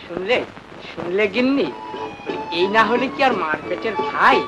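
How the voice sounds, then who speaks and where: A fussy older brother. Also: male voice, high-pitched, animated, normal speed, over music, poor audio. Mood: coaxing. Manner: scolding, coaxing.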